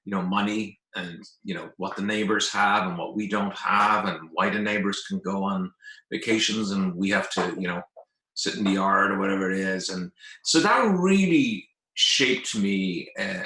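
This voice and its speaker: Sitting low in pitch, this fifty-something Irish man's voice is pushed and bright as he moves at a moderate pace. He is a guest on an interview, telling his personal story conversationally. The recording has a spacious, echoing sound.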